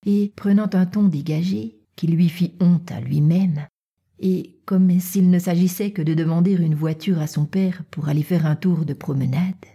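Soft, breathy woman narrator. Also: on the low side, moderate pace. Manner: soft, often half-whispered reading. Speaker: audiobook narrator. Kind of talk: scripted narration.

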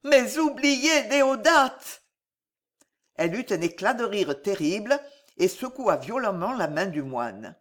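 A reader narrating a dramatic novel at a measured pace. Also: mid-range voice, very animated.

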